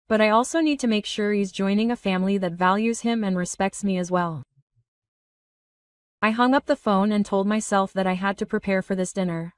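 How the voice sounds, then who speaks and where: A woman reading a first-person story in a steady, even narrating voice. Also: medium pitch, no room sound, clean studio sound, recorded from a distance.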